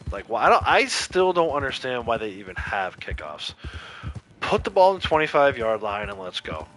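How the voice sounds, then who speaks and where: A man talks casually on a livestream while he plays, drifting into opinionated rants. His voice is bright and forward, and his delivery is loose and rambling, full of fillers. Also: on the low side, a little hiss or hum. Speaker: gaming streamer.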